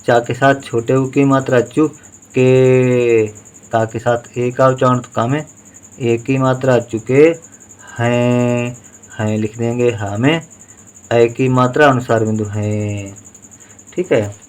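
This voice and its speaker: Male teacher, slow and deliberate, clear smooth voice, patient syllable-by-syllable dictation. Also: medium pitch, steady tone, a little mellow. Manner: patient, sounds out each syllable and vowel sign. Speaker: Hindi writing teacher. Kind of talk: slow spelling dictation lesson.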